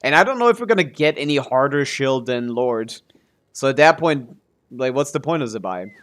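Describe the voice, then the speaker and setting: In casual livestream commentary, a male video game streamer with a medium-pitched, expressive, slightly bright voice talks over his gameplay at a moderate pace. He chats as though answering viewers, frequently hedging or trailing off while he works out a thought.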